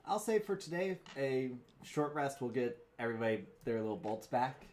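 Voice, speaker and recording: Casual male game master, mid-pitched. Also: lively intonation, moderate pace, darkish tone, a little hiss or hum. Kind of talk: casual tabletop game narration.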